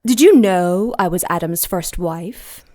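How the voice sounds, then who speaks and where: A woman's voice: fairly low pitch, measured pace, darkish tone, lightly acted. Lilith, a woman playing a haughty ancient demoness. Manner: grandiose, menacing, contemptuous. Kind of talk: audio drama acting.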